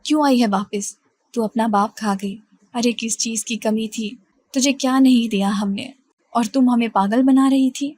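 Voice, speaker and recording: Woman reading as a scolding middle-aged stepmother, accusing tone, fairly high voice, dry sound. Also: darkish tone, dry recording, lightly acted. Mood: scornful.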